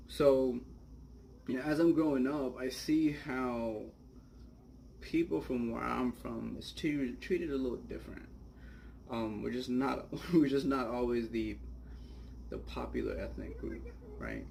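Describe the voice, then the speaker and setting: A Bangladeshi man in his late twenties bluntly shares his personal faith testimony, rambling casually and candidly with plenty of fillers. His mid-range voice is creaky and a little mellow, with guitar music and slight background noise behind him.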